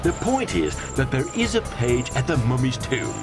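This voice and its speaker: Theatrical, swooping cartoon game guide. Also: male voice, medium pitch, huge pitch swings, normal speed. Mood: chatty, theatrical. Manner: theatrical, exclamatory, rambling. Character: excitable, theatrical male guide full of silly wordplay. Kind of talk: cartoonish video game character acting. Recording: loud music behind game dialogue.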